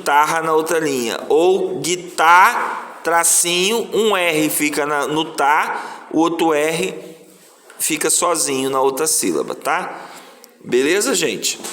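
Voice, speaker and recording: Brazilian man, teacher, slow and patient, syllables stretched, echoey room with long reverb. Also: on the high side, a bit bright. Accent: Brazilian Portuguese. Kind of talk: slow classroom explanation. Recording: echoey room, faint noise.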